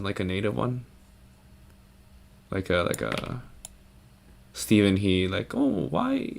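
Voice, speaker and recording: A young man chats on a live stream in a loose, rambling way, joking and laughing often. His voice sits fairly low. The talk is relaxed and unscripted. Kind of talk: casual live-stream chat.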